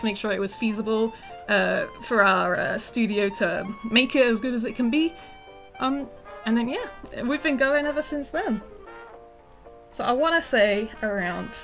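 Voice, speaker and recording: A woman game developer livestreams a demo of her studio's game, chatting casually with lots of ums and uhs. Her voice sits on the high side and sounds scratchy and rough because she's feeling unwell.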